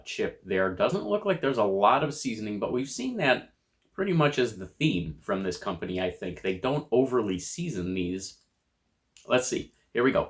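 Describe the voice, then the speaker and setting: Man, American accent, lowish voice, casual snack reviewer, measured and descriptive, chip crunching between remarks. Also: slight background noise. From United States. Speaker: food reviewer.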